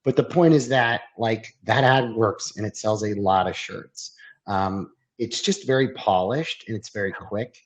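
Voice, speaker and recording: A man's voice: lowish voice, a little slow. A man speaking as a guest in a casual webinar conversation over a video call, chatty and full of fillers and repeated words. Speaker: creative strategy manager, guest. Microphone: video call microphone.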